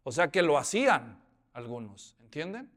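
A man's voice: on the high side, sing-song, moderate pace, a bit bright. A man preaching a sermon, acting out the scenes in voices and putting questions to his listeners. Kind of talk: expository sermon.

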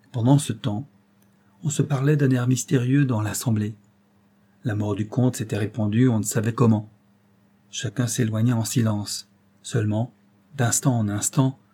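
A man narrating a classic tale in a measured, expressive reading voice. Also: fairly low pitch, slightly rough. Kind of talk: scripted audiobook narration.

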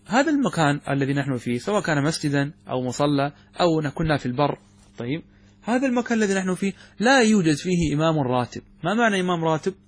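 A male teacher goes through a classical text line by line for his students. His voice sits a little high and has a husky edge. He repeats himself, restarts phrases, and keeps checking that they have understood. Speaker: sheikh teaching fiqh.

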